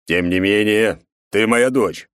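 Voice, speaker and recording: A man voicing a gruff, commanding middle-aged emperor and father in an audiobook. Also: lowish voice, slow, no echo, clean studio sound. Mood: stern.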